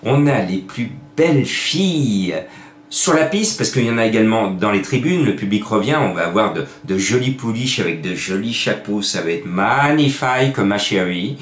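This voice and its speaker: A man's voice: fairly low pitch, animated, normal speed, reverberant. A man giving horse racing betting tips in a chatty, rambling, joking way with many fillers. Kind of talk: casual betting tips video.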